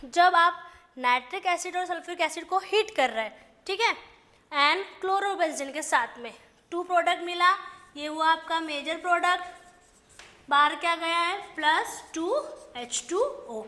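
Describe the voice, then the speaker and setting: A woman's voice: very high voice, pushed and bright. A woman teaching an online chemistry lesson, mixing Hindi and English, asking and answering her own questions. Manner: dictates slowly in English, quick in Hindi.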